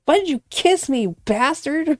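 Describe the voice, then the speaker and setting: A woman's voice: lowish voice, animated, moderate pace, darkish tone, no echo, studio quality, lightly acted. A woman voicing an irritable young male actor who snaps angrily at his rival. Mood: annoyed. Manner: irritated, snapping. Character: hot-tempered young male actor narrator.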